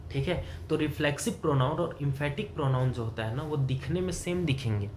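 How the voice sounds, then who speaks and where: A man's voice: a little high, brisk, a little mellow, a little hiss or hum. A man teaching English grammar to a student, explaining in Hindi with English terms and asking questions that he often answers himself. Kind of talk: classroom grammar lesson.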